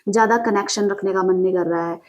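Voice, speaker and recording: A woman reads tarot cards and talks straight to the listener in a steady, mid-pitched voice. She explains in a reassuring way, poses questions and answers them herself, and adds many small fillers as she goes. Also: quick pace. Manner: addresses the listener directly with rhetorical questions and frequent fillers. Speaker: tarot reader. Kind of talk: direct-to-camera tarot reading.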